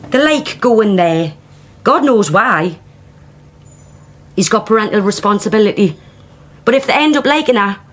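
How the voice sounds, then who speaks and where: An actress playing Donna, a brash working-class woman from Teesside with a Teesside accent, giving a blunt, coarse and defensive witness statement in a radio drama. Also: medium pitch.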